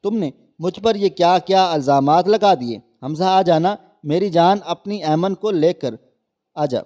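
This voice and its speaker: A man's voice: high-pitched, warm tone, in a large hall, natural voice. A man voicing a desperate young wife in a storybook reading, pleading and emotional. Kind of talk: storybook narration.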